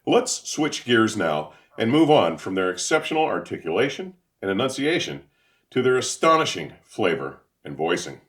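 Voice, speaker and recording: A deep-voiced man narrates a scripted equipment review, emphatic and florid in manner, enunciating deliberately.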